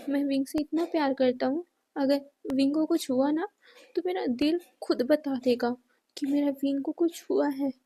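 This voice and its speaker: A woman's voice: sits high, mellow. Woman voicing a grief-stricken young man. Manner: pleading, repeats and stumbles over words.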